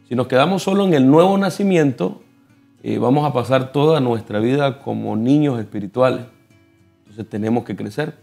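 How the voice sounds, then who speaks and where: A male pastor with a Nicaraguan accent teaches in a calm, measured way, as if explaining a passage to viewers. His voice has a gravelly, fry-tinged texture at a middle pitch. Faint guitar music plays underneath. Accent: Nicaraguan Spanish. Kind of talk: TV panel teaching. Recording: soft guitar music behind.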